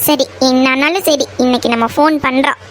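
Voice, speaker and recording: A woman voicing a sharp-tongued, hot-tempered young village girl in a cartoon, speaking with a Coimbatore Tamil accent and scolding with a string of insults. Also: sits high, steady tone, fairly quick, slight background noise, natural voice. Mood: musing. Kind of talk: cartoon voice acting.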